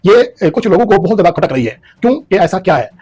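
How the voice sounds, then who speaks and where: A man hosting a heated talk show, pressing his guests with rapid questions. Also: sits high, big pitch swings, a little mellow, husky.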